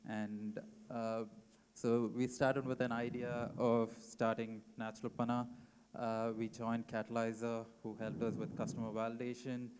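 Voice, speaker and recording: A man's voice: medium pitch, little pitch movement, unhurried, darkish tone, clear, resonant tone. A man co-founder presenting his startup's progress, hesitant and full of fillers. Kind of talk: pitch presentation.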